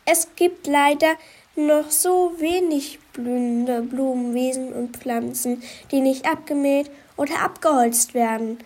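A woman voicing a small, soaked, timid female bee in a children's storybook, with a high, soft, sniffling voice. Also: a little slow. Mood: sad. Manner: sniffling, downcast.

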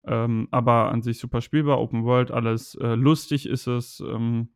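A man's voice: medium pitch, fairly even intonation, normal speed, clean tone, no echo, clean studio sound. Rambling man in casual game chat. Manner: rambling, hesitant, many fillers.

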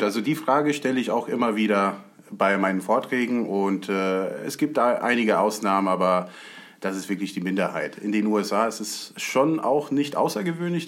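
A man raised in the United States talks through stocks in a measured, explanatory way during a casual conversation. His voice is fairly low-pitched.

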